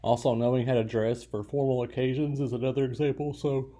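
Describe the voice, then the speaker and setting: A man lecturing at college level speaks a little fast in a mid-range, mellow voice with flat delivery. The recorded lecture is casual and riddled with fillers and restarts, and he stifles a yawn every so often.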